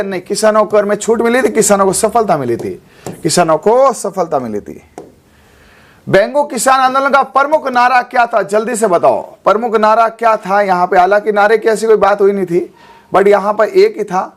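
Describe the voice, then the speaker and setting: A man teaching an exam-prep class, hoarse from a sore throat, quizzing students and repeating memory tricks. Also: high voice, normal speed. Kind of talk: animated online exam lesson.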